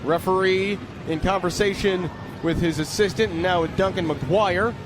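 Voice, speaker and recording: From an open-air stadium, a man with a high voice calls live soccer play-by-play for radio at a normal speed. Loud stadium ambience fills the noisy outdoor recording.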